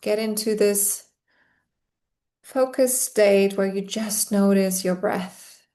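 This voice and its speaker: A woman guiding a relaxation meditation in a slow, soothing way, with long pauses between phrases. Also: medium pitch, steady tone, mellow. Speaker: meditation guide. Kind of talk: guided meditation.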